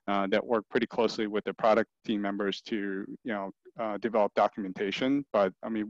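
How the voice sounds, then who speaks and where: Low-voiced man presenting over a video call. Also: no echo. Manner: casual, many fillers and restarts. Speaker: community program manager presenting. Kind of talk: screen-share meetup presentation. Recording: dry, dull lo-fi video call audio.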